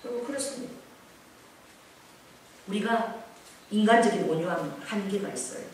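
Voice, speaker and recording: A woman pastor in her late forties preaches a sermon, telling stories with sudden loud outbursts and quiet asides. Her voice sits at a middle pitch and comes from some way off the mic. It rings through a strongly echoing room. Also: normal speed, a little hiss or hum. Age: 40s. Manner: animated storytelling, swinging between loud outbursts and soft asides. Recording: echoey room heard from a distance.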